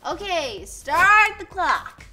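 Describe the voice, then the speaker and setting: Game host, female, high-pitched, lively party-game delivery over music. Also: drawn-out words. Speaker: host of a tongue twister game. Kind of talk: lively game-show hosting among friends. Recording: loud music behind the voice.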